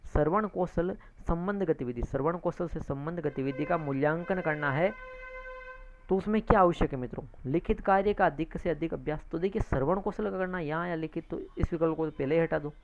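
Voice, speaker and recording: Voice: mid-range voice, brisk, slight background noise. A teacher going through exam answers step by step. The teacher keeps addressing listeners as friends, repeats points and adds frequent tag questions. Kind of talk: exam-prep lecture, explaining answers. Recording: dull lo-fi recording.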